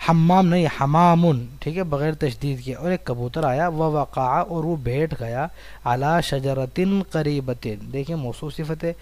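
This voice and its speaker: A man's voice: a little high, darkish tone. A man with an Indian Urdu accent teaching an Arabic lesson. He reads each line in Arabic and then explains it word by word in Urdu. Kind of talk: recorded online lesson, reading and translating.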